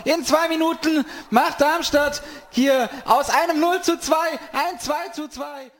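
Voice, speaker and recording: Echoey, screaming high-pitched male goal commentator. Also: slow. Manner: excited, screaming. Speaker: football commentator. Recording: echoey, distant-sounding stadium sound.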